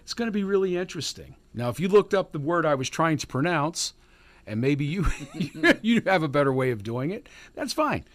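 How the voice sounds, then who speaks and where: A man hosting a live morning radio show, chatting in a halting, folksy way from the studio and calling listeners neighbor. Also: fairly high pitch, sing-song, no echo. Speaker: radio host. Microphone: studio mic.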